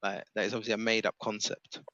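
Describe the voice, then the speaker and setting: A man in a casual chat, asking questions in a measured way. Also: lowish voice, flat delivery, pushed and bright, no echo, muffled recording.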